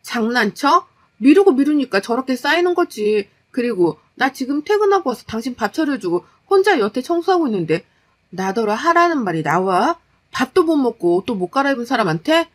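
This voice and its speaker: A woman voicing an exhausted, fed-up young working wife, scolding in a sharp, exasperated way. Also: high voice, big pitch swings, a little fast.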